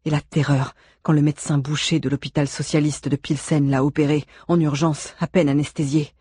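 A narrator reads a novel aloud with measured, suspenseful pacing and a mid-range voice. The tone has a husky grain, recorded close and completely dry. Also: medium pitch, level tone, mellow, no echo. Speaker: audiobook narrator. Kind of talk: dramatic audiobook narration.

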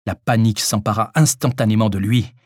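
A man narrating a suspenseful story in a steady, measured audiobook reading. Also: lowish voice, breathy edge, no room sound, clean studio sound.

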